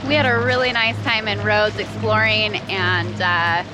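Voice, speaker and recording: A woman's voice: medium pitch, fairly even intonation, measured pace, music in the background, low-quality recording. A North American woman chatting casually to the camera as a sailing vlogger on a boat. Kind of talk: casual vlog chat. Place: on a sailboat.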